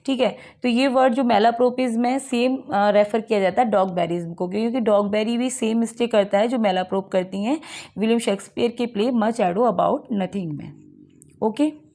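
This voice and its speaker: A woman teacher explaining English literary terms for an exam, reading definitions slowly and then going over them in mixed Hindi and English with lots of rhetorical questions. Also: fairly high pitch, warm tone.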